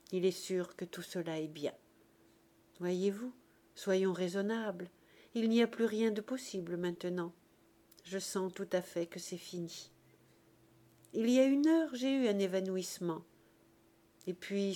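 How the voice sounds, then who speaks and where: A woman reading the part of a dying old man, gentle and resigned, speaking softly and slowly. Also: mid-range voice, lightly acted. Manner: soft, hushed, slow.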